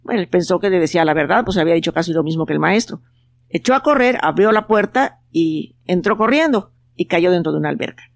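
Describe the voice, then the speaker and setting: A storyteller, reading a children's tale in a calm, unhurried way. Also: medium pitch, creaky, no echo. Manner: calm, unhurried telling with plain quoted voices. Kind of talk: storybook narration.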